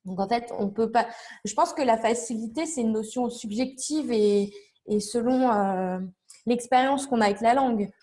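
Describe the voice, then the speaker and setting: Young woman, interview guest, slightly high mellow voice, chatty and rambling with fillers. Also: moderate pace. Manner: chatty, many fillers and restarts, explains with examples. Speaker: interview guest, language learning blogger. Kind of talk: casual interview chat.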